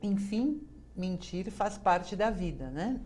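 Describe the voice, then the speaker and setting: A woman's voice: medium pitch, lively intonation, slow, darkish tone, slightly rough. A woman with a Brazilian accent hosting a TV advice program, talking conversationally and ending many phrases with a tag question. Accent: Brazilian Portuguese. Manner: conversational, constant tag questions, acts out quoted voices. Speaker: TV program host. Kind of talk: monologue on emotional advice.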